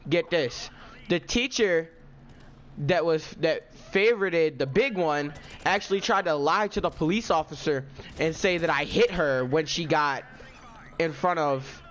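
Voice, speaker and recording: A man's voice: a little high, a bit bright, a little hiss or hum. A teenage boy telling a storytime vlog in a casual, indignant, ranting way. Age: teens. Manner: indignant, ranting, self-justifying.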